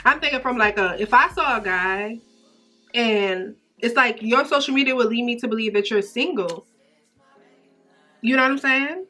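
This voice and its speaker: A young woman in casual girl-talk, speaking in an animated, emphatic, slangy way. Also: on the high side, moderate pace, faint music behind.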